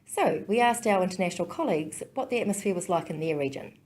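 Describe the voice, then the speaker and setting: A woman's voice: fairly low pitch, animated, fast talker, darkish tone. A woman, a project coordinator introducing interviews in an upbeat, friendly way. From New Zealand. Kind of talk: presenting to camera.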